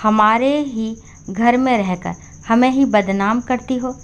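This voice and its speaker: A woman's voice: fairly high pitch, slow, clean tone. A woman voicing a tired, short-tempered grown son who speaks curtly in a storybook. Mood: angry. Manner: curt and irritated.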